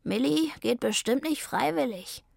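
A woman's voice: sits high, expressive, unhurried, gravelly, pitched above the performer's own voice, exaggerated voice. A woman voicing a sensible, slightly grumpy male tomcat in a children's story. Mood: doubtful.

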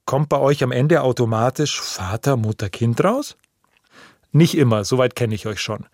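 A man's voice: medium pitch, moderate pace, darkish tone, no room sound. Dry-sounding man hosting a podcast. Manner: chatty, addresses listeners directly. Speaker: podcast host. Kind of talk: scripted podcast narration. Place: recording studio.

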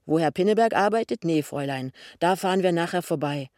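Storybook chauffeur, polite, brisk and matter-of-fact, read by a man. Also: fairly high pitch, lively intonation, darkish tone, dry recording, clean studio sound, natural voice.

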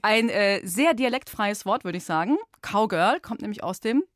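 A woman's voice: medium pitch, lively intonation, normal speed, no room sound, clean studio sound. A woman hosting a children's radio show, chatty and playful, laughing easily with callers.

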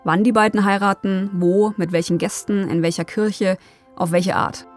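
Female podcast host, scripted documentary narration, mid-pitched, calm and even, faint music underneath. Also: moderate pace.

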